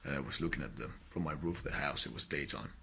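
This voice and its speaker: A young man from Spain with an American accent, earnestly recounting dreams and exhorting listeners, halting at times before rising into fervent blessings. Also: a bass voice, creaky, sharp tone, a little hiss or hum. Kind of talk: personal testimony and exhortation.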